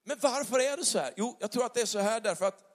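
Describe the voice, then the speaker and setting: High-voiced guy preaching, chatty, acts out little scenes, long hall echo. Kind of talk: conversational sermon.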